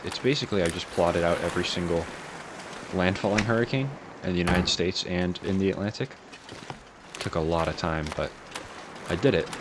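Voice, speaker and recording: Low, unhurried man with a morning voice. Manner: low, unhurried, musing to himself. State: morning voice, recently woken. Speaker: gaming channel host. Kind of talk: calm video game playthrough commentary. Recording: clear steady background ambience noise.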